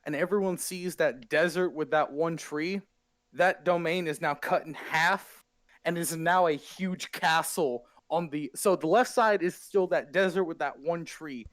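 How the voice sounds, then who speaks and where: A man's voice: fairly high pitch, unhurried, a bit bright, no echo. A man improvising narration as the game master of a tabletop role-playing game.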